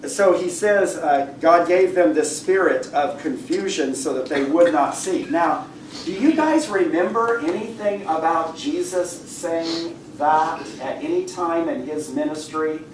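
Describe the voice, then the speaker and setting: Slightly high-voiced, hoarse male Bible teacher, conversational and questioning; distant mic in an echoey church room. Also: measured pace. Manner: conversational, asks the class questions, clears throat often. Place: church classroom. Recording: echoey room, far mic, faint hiss.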